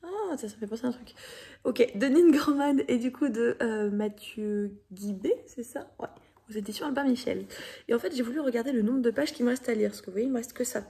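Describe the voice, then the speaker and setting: Gravelly, mellow young woman vlogger, whispering asides. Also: fairly high pitch, a little fast. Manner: dramatic, mock-outraged, drops to whispers. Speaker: book vlogger. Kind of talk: casual vlog chat, half whispered.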